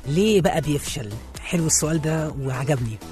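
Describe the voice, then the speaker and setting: A man's voice: fairly high pitch, quick pace, a little mellow, faint music behind. A man with an Egyptian accent co-hosting a radio show, chatting in a joking, playful, bantering way. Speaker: radio co-host.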